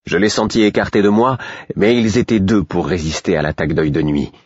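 A man reading a first-person fantasy novel aloud in a measured, dramatic storytelling manner. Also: sits low, animated, husky, dry recording. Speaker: audiobook narrator. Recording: dull, dry lo-fi recording.

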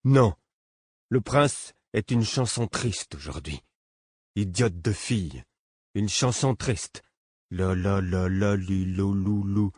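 A man voicing a simple-minded male servant, talking slowly and childishly in a singsong way. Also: lowish voice, big pitch swings, a little mellow, husky, dry recording, studio quality, exaggerated voice. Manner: slow singsong, halting childlike speech.

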